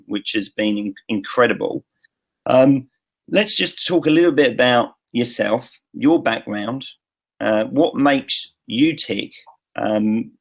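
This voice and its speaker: A man's voice: medium pitch, creaky, poor audio. A man hosting a live online interview call, introducing the guest with enthusiasm and a few ums. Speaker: interview host.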